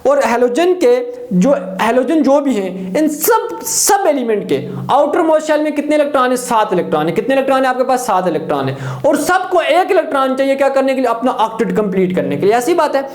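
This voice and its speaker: A man's voice: extremely high pitch, big pitch swings, a little fast. A male chemistry teacher, lecturing students by posing questions, answering them himself and repeating key terms. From Pakistan. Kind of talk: classroom lecture. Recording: echoey room.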